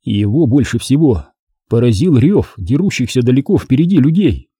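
A man reading an audiobook in expressive scripted narration. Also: medium pitch, breathy edge, no echo, clean studio sound. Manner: expressive storytelling.

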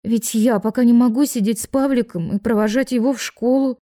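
A woman's voice: on the high side, fairly even intonation, a little fast, warm tone, voice pushed up, natural voice. A woman voicing a flustered, kindly grandmother who talks in a fussy, apologetic way. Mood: earnest.

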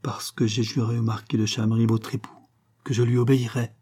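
A man voicing a distraught young nobleman who speaks in a hushed, breaking, half-whispered way. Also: mid-range voice, level tone, brisk, slightly rough, close to an everyday voice.

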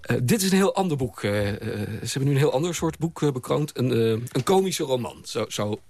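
A man's voice: mid-range voice, lively intonation, brisk, darkish tone, dry recording. A man reviewing a novel in a radio studio, speaking hesitantly with many filler sounds. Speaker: book critic.

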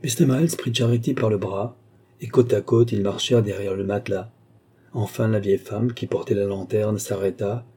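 Male narrator, literary audiobook, steady delivery, very dark husky voice. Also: on the low side.

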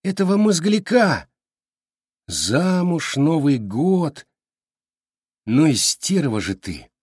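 A man's voice: a little high, sing-song, slow pace, breathy edge, no echo, studio quality, voice pushed up, exaggerated voice. A man voicing a brash, sarcastic young male artist who speaks bluntly. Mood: scornful.

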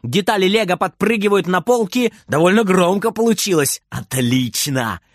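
A man narrating a children's story aloud, lively and expressive. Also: high-pitched, a little fast, dry recording, clean studio sound. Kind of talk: storybook reading.

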